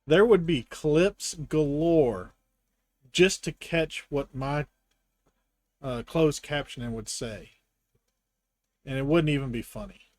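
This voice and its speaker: A man's voice: on the high side, takes it slowly, long pauses, darkish tone, no echo. A man with a Southern US accent, chatting casually and self-deprecatingly while building a brick set on a live stream. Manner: rambling, self-deprecating, wry.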